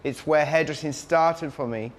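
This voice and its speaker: A man's voice: fairly high pitch, moderate pace. A man with a Yorkshire accent, a hairdresser, speaking in an enthusiastic and proud way in a news interview. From Yorkshire, England. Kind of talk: interview soundbite.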